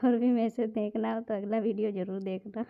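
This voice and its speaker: A woman's voice: fairly high pitch, fairly even intonation, fairly quick, gravelly, phone-quality sound. A young woman vlogger, amused, casually reading out chat messages and her replies.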